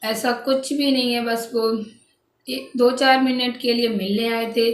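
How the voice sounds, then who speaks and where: A woman's voice: a little high, steady tone, unhurried. Chatty woman vlogger in echoey room. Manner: chatty, repeats "guys", frequent restarts. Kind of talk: casual gossip narration to viewers. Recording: echoey room, distant mic, faint background noise.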